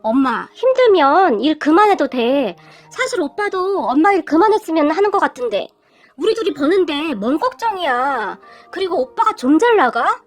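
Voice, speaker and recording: A woman's voice: extremely high pitch, very animated, normal speed, faint music behind, heavily acted. A woman doing a hot-tempered young daughter. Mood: coaxing. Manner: agitated, shouting, demanding.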